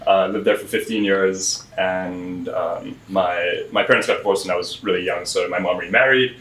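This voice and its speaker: A man's voice: low-pitched, steady tone, moderate pace, a bit bright. Chatty young man with a lapel mic in an echoey room. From South Africa. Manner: chatty storyteller, many likes and fillers, laughs often. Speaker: guest, PR firm founder. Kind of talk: casual interview chat. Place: bright storefront room by a window, indoors. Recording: roomy echo, mic at a distance.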